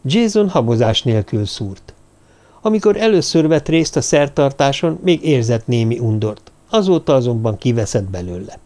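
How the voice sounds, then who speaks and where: A male narrator reads a dark novel aloud in a steady, measured storytelling voice. His tone is dark and mellow, with an even, middling pitch. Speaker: audiobook narrator. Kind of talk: scripted narration.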